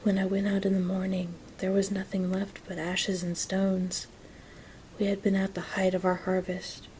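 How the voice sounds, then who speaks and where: Woman whispering a bedtime-style asmr book reading, soft n even, bit of low rumble in the bg. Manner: whispering and very soft, gentle unhurried delivery. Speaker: reader of an audiobook-style story.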